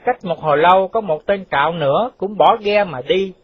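A man reading a novel aloud in a steady, even storytelling manner. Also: high-pitched, normal speed. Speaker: narrator. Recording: dull lo-fi dry recording.

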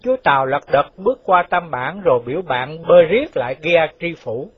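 A man reading a novel aloud in a steady, even storytelling manner. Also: fairly high pitch, moderate pace, faint music behind. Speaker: narrator. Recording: dull lo-fi dry recording.

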